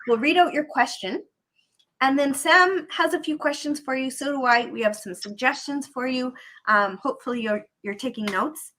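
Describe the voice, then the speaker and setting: A woman with a high, sharp voice speaks at normal speed, hosting a live real-estate investing show over a video call. She's upbeat and chatty, repeats herself, and her throat sounds slightly scratchy and irritated, with a candy in her mouth.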